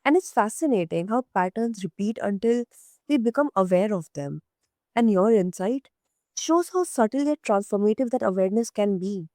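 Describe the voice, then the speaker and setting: A woman's voice: mid-range voice, lively intonation, warm tone, dry recording, studio quality. Polished woman interview host. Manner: polished, measured, written-sounding phrasing. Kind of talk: scripted interview questions.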